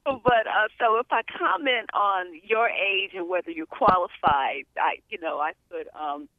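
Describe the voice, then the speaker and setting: A woman guest singer calling in to a radio show, sassy and quick to laugh, with a put-on sultry voice. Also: mid-range voice, no room sound. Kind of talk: on-air phone chat. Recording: tinny phone line.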